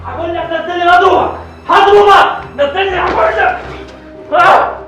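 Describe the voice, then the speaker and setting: An actor with an Upper Egyptian accent playing a frantic, defiant captive young man who shouts in panic. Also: very high-pitched, expressive, normal speed, reverberant, faint music behind, poor audio. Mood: panicked.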